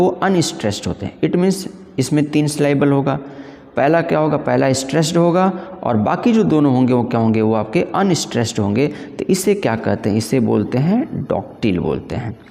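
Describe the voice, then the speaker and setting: A man teaching an exam-prep English literature lesson, reading questions slowly and explaining in Hinglish with rhetorical questions. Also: medium pitch, creaky, warm tone, big-room sound.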